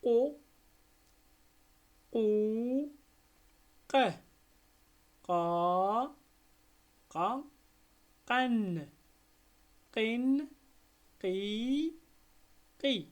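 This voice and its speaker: A primary school teacher with a Moroccan accent reads a beginners' Arabic lesson in her mid-range voice. She goes slowly and deliberately, splitting words into syllables and drawing them out.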